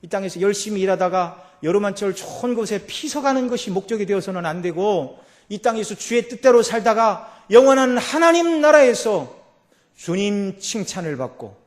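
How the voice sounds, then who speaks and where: A man preaching a Sunday sermon as pastor. He swings from quiet passages to loud, emphatic peaks and asks the congregation rhetorical questions. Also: animated, moderate pace. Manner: rising to loud emphatic peaks, then dropping low. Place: church sanctuary.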